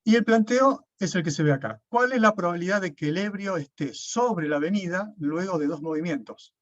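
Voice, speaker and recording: A man's voice: high-pitched, fairly quick, dry recording. A man, lecturing an online class, explaining step by step and often checking with "¿sí?". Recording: dull, dry lo-fi sound.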